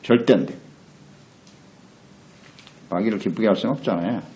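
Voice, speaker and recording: A man's voice: on the low side, moderate pace, dark tone, poor audio. A male pastor preaching a meditation sermon, earnest, putting rhetorical questions to his listeners. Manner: earnest, asks the congregation rhetorical questions, acts out quotes.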